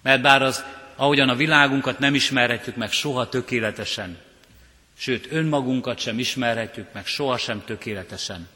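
A male pastor delivering a sermon in a measured, repetitive preaching cadence. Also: mid-range voice, bright, forceful tone, long reverb tail. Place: church.

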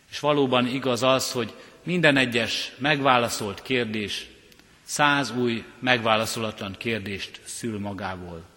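A male pastor delivering a sermon in a measured, repetitive preaching cadence. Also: medium pitch, bright, forceful tone, in a large hall. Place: church.

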